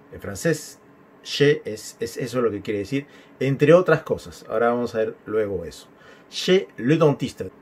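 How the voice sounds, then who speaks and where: A man teaching French in Spanish who repeats each phrase slowly and clearly. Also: medium pitch. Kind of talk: language lesson, slow model phrases.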